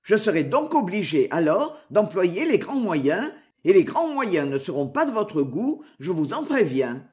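A woman's voice: lowish voice, big pitch swings, unhurried, darkish tone. A woman reading aloud voices a fierce, mocking male outlaw who boasts and threatens.

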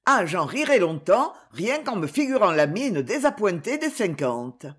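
Young suspicious king, imperious, read by a woman; husky, animated delivery. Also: mid-range voice, a little slow, exaggerated voice. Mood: delighted. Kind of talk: audiobook character reading.

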